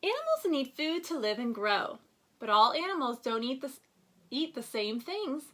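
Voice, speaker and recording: Leading young children through a reading lesson step by step, a first-grade teacher asks prompting questions and stresses words expressively. Her somewhat high, fairly bright voice swings widely in pitch at a moderate pace.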